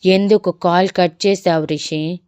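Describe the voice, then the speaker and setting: A woman's voice: lowish voice, steady tone, a little slow, a little mellow, clear, resonant tone, no room sound, lightly acted. A woman reading as a tearful young woman pleading. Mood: hurt. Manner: crying, pleading.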